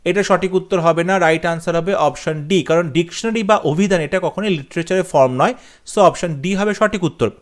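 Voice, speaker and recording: High-voiced tutor reading exam questions. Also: male voice. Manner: reads English questions slowly, then explains in Bengali. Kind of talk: exam question walkthrough lesson.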